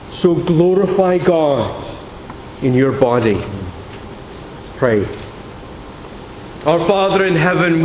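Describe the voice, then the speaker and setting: Slow, high-voiced pastor at a pulpit microphone. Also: male voice. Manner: measured, deliberate reading. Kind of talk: sermon with scripture reading and prayer. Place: large church sanctuary. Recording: echoey church hall with long reverb, faint hiss.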